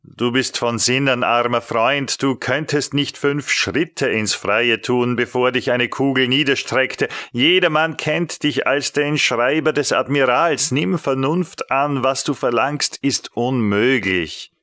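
A man voicing a grave Swiss guard captain who speaks calmly and soothingly. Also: medium pitch, slow pace, no room sound, studio quality. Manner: calm, soothing.

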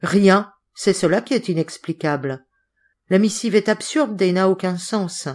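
A woman narrating a literary audiobook in a steady, expressive reading style. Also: mid-range voice, unhurried.

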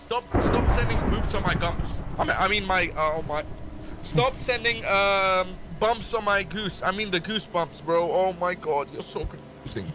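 A man's voice: sits high, moderate pace. A young man playfully rambling and joking while gaming with a friend, yelping when startled. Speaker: co-player. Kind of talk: casual gaming banter. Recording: noisy gameplay recording.

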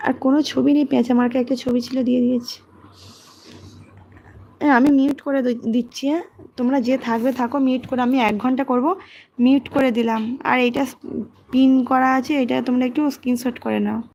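A woman, hosting a casual livestream, reading comments and talking softly and quietly. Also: flat delivery, a little fast, vocal fry, muffled recording, slight background noise. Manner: soft, low-volume talk, as her daughter is studying. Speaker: livestream host.

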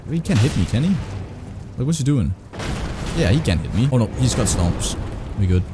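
A man doing casual, profane gameplay commentary, excitable and talking to himself, his voice heavily compressed on a close mic. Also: medium pitch, normal speed, noisy background. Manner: excitable, exclaiming, talks to himself and the game. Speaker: gaming video host. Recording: heavily compressed voice over game music. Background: game music.

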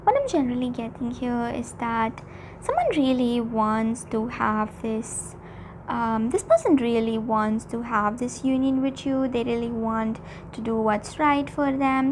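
Female tarot reader, high voice, informal mystical horoscope delivery with repetitive hesitant phrasing, slight background noise. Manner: repetitive, hesitant phrasing, addressing listeners directly.

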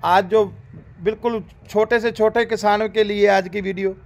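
A man, hosting a dairy farm video, giving a repetitive, upbeat livestock sales pitch outdoors in a cattle yard, recorded on a handheld phone. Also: fairly even intonation, normal speed, gravelly, highs cut off. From Rajasthan, India.

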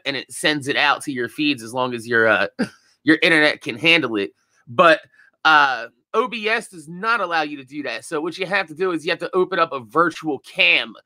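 A young man streaming live, his voice still groggy from just waking up. He rambles in a laid-back way and swears freely while answering chat, and his tone is bright but unhurried. The desk mic sounds close and dry. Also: on the high side, dry recording. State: groggy morning voice.

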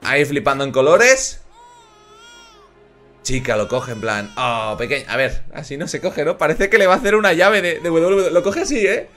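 Spanish male reactor, fairly high, bright and sharp, swings all over, loud exclamations. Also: moderate pace, faint music behind. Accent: Spain Spanish. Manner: animated, exclaiming and shouting at the screen. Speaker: YouTuber reacting to animations. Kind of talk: excitable video reaction commentary.

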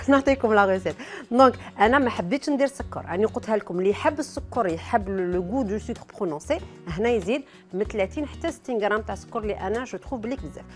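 Lively chatty Algerian woman cooking. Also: medium pitch, very fast, faint music behind. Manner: chatty, talks straight to viewers with frequent asides. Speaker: cooking show presenter. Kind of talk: cooking demonstration.

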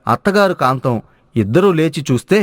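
A male narrator with a slightly high voice tells a family cartoon story in an even, measured way. The recording is dry and close, with no room sound. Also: dry recording.

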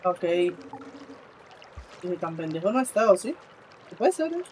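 A man giving casual live commentary while he plays, talking to the game character and to his viewers, swinging between exclamations and low muttering. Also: very animated, slow, darkish tone, slight background noise. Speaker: streamer.

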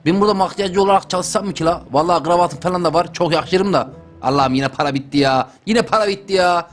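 Young guy rattling off game commentary, high voice, talks super fast, faint music behind. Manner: excitable, joking, talks to viewers. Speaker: gaming youtuber. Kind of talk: lets-play commentary.

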